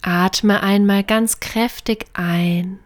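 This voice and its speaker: Very slow, soothing woman sleep story narrator. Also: medium pitch, fairly even intonation, no echo, clean studio sound. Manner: soothing, gentle sleep story delivery, partly breathy near-whisper. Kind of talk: slow guided relaxation and bedtime story narration.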